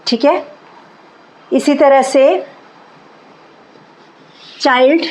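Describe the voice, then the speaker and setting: A woman's voice: a little high, measured pace, a little mellow, low-quality recording. A woman teaching English grammar in Hindi, explaining patiently and repeating each example word.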